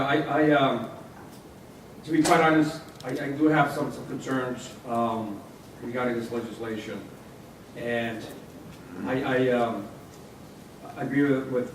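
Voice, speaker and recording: A man speaking as a state legislator on a panel, halting with many fillers and restarts. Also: mid-range voice. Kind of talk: panel discussion remarks. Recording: echoey hall, distant mic, noisy.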